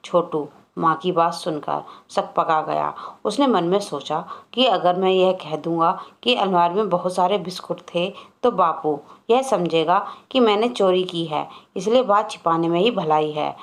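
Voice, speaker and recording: A woman with a fairly low voice tells a scripted horror story. Her delivery is measured and dramatic.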